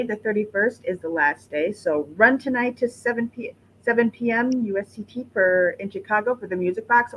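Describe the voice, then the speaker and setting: A woman's voice: mid-range voice, slight background noise, low-quality recording. A woman hosting a filmmaker Q&A over a video call, chatty and loose, often correcting herself. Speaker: festival director hosting a filmmaker Q&A. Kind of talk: casual video-call panel moderation.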